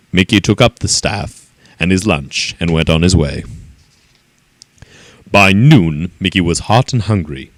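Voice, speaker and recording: Male storyteller, lowish voice, animated reading, dry close sound. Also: no room sound. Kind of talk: children's story read-aloud.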